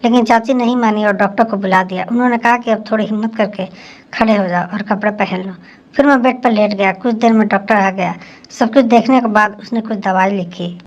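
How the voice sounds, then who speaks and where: Woman narrator for a spoken story, even and steady. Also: medium pitch, brisk, muffled recording. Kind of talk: scripted first-person story narration.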